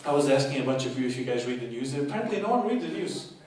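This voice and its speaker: A young stand-up comedian and course leader of half Portuguese, half Argentinian background does a chatty, playful set at a live comedy show in a hall, joking with the crowd and poking fun at himself. His medium-pitched, darkish voice is expressive and very fast. The noisy recording sounds distant and echoey, with audience laughter.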